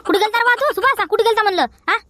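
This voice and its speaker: A woman's voice: extremely high pitch, racing, sharp tone, dry recording. A woman with a Vidarbha Marathi accent playing a bossy village woman in a rustic comedy sketch.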